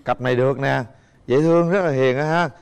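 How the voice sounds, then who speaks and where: A man's voice: mid-range voice, brisk, gravelly. Dating-show host, male, chatty and teasing, faint hiss on the track. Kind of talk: lively game-show hosting.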